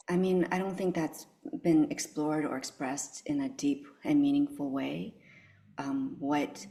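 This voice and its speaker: A woman playwright who grew up in Canada, speaking in a podcast interview in a thoughtful, halting way with many fillers. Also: on the low side, warm tone. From born in Korea, grew up in Canada. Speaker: playwright and actress, guest.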